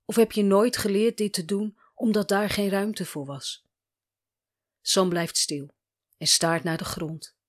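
Calm, gentle woman narrating a story. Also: medium pitch, unhurried. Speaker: narrator and coach. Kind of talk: scripted first-person story narration.

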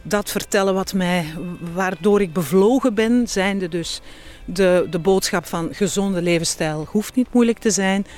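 This guest, a woman who writes and speaks about healthy lifestyles, has a Flemish accent and a medium-pitched, darkish voice. She's unhurried, with few pauses, chatting candidly and expressively in a casual interview.

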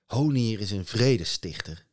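A man's voice: on the low side, lively intonation, normal speed, darkish tone, voice pushed up, lightly acted. A man voicing a worried, earnest farm mother.

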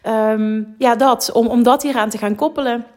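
A woman from Limburg with a thick Limburg Dutch accent, co-hosting a casual, unedited podcast, chatty and quick to laugh, slipping in English phrases. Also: on the high side, steady tone. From Limburg, Netherlands. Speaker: podcast co-host.

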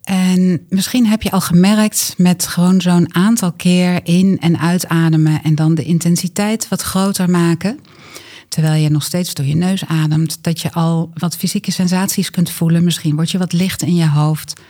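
A woman with a soft, breathy voice calmly giving unhurried instructions for breathing exercises, as a guest breathwork coach. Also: lowish voice.

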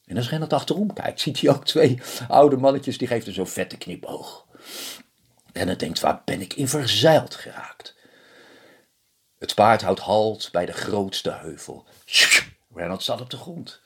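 A man telling a fairy tale, animated, with hushed dramatic pauses. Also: on the low side, slightly rough. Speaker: storyteller.

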